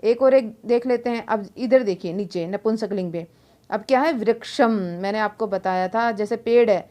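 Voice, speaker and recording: A young woman teaching a lesson in a fairly high voice. She walks through each point slowly, asks questions and answers them herself, and keeps checking in with a quick "okay?". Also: mellow. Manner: explains step by step, asking and answering her own questions; says "ठीक है" often to check understanding. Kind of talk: online class lesson.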